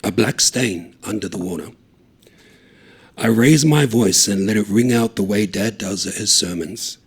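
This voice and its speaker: A gravelly-voiced man reads a short story aloud, his voice lowish and a little slow. He performs it dramatically and lively, using character voices for the dialogue, shouting some lines and dropping to a hush on others.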